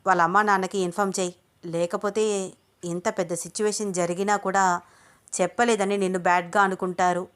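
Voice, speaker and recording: A woman's voice: mid-range voice, flat delivery, fairly quick, smooth, close to an everyday voice. A woman voicing a blunt young man who advises his friend in a told story. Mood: advising.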